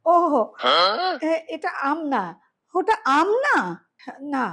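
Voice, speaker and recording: A sneaky middle-aged mother-in-law, played by a woman in a comic family skit, full of sheepish, evasive excuses. Her voice sits high and bright. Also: lively intonation, extremely slow, heavily acted.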